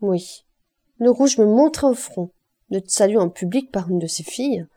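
A woman's voice: mid-range voice, expressive, normal speed, mellow, natural voice. A woman voicing a haughty, spiteful shopkeeper who speaks condescendingly in an audiobook.

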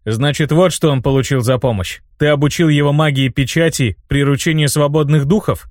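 A man's voice: on the high side, dry recording, clean studio sound, lightly acted. A man doing a sarcastic young hero. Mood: probing. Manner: sardonic, quick to shout in outrage. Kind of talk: audiobook character reading.

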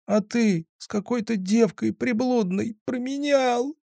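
A man's voice: very high-pitched, unhurried, creaky, darkish tone, dry recording, clean studio sound, pitched above the performer's own voice, full character voice. A man voicing a tearful, petulant young female android in an audiobook, with sulky, sobbing pleading. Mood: weeping reproach. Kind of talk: audiobook character voice.

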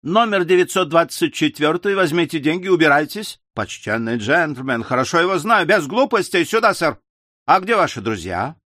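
A man's voice: high-pitched, animated, pushed and bright, no echo, studio quality, voice pushed up. A man reading an audiobook, voicing a brash young man who fires off short, clipped fragments of speech. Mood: brisk. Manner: rapid clipped fragmentary phrases. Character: fast-talking young man in green coat, brash, clipped.

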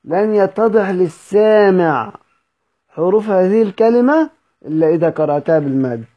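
This Quran recitation teacher, speaking with an Egyptian Arabic accent, has a high-sitting, animated voice and a moderate pace. In the recorded study session he explains points, goes over them again and tests his students, with the highs cut off.

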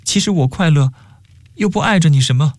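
A man's voice: mid-range voice, sing-song, brisk, a little mellow, husky, no echo, voice pushed up. A man reading a radio story, voicing an emotional young male student in a raised, plaintive voice. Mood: hurt.

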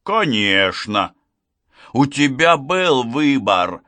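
A man reading an audiobook, voicing a furious, betrayed young woman who accuses and shouts at her friend. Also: mid-range voice, big pitch swings, very slow, no room sound, full character voice.

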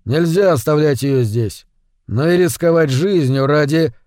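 A gruff island constable, as a male narrator puts him on, blunt and matter-of-fact, in a warm, dark voice. The recording is dry and close, like an audiobook read in a studio. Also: on the high side, measured pace, dry recording, natural voice.

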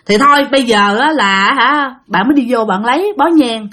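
A woman's voice: a little high, lively intonation, moderate pace, fairly bright tone. A woman narrating a spooky story in a chatty way, talking straight to her listeners. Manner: chatty, addresses listeners directly.

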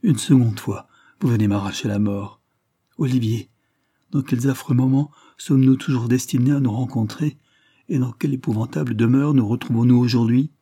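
A man's voice: medium pitch, steady tone, moderate pace, mellow, husky, no echo, studio quality. A man reading aloud, voicing a frightened young woman prisoner in a trembling, pleading way. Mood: distressed.

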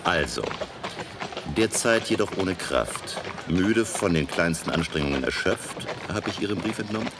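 An actor playing a brusque, courtly, eccentric professor in a German radio play, with a gravelly, precise delivery. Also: male voice, deep voice, animated, normal speed, background noise. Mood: brisk inquiry.

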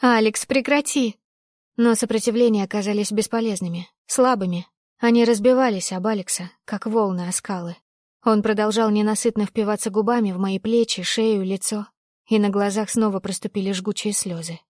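Reading a first-person tale with a mid-range voice, this woman narrates an audiobook in a measured, steady way. The audio is studio quality, free of any room sound.

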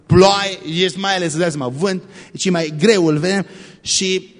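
A man giving a lively youth sermon, directing listeners as they act out a scene. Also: high-pitched. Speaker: youth preacher. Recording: echoey hall.

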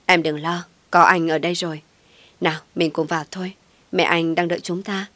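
Brief: woman reading as a pleading young man in a storybook, soft coaxing, low dry voice. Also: level tone, fairly quick, no echo, lightly acted.

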